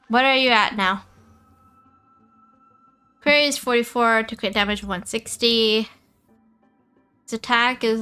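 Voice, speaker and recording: On the high side, her voice sounds pushed, bright and smooth. As host of a gaming livestream with music behind her, she casually thinks aloud and chats with viewers, often saying things twice.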